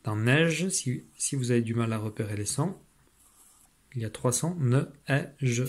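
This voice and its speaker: A man's voice: medium pitch, animated, moderate pace. A man teaching, patiently explaining phonics exercises to parents, with frequent fillers and restarts.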